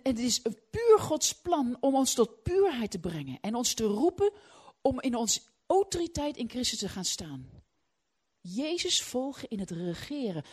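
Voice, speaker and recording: A middle-aged woman preaching a sermon, emphatic, swinging between loud outbursts and hushed, halting stretches. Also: on the high side, husky.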